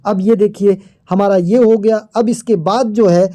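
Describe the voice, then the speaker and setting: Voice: mid-range voice, steady tone, a little slow, warm tone. A host giving a screen-recorded walkthrough of an app, explaining each step steadily and pointing things out on screen. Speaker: crypto app tutorial host.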